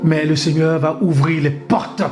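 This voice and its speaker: A man's voice: fairly high pitch, level tone, a little slow. A man in his fifties, a pastor, giving an emphatic, repetitive sermon full of amens and hallelujahs. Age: 50s. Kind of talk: exhorting sermon talk with his wife. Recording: music playing underneath.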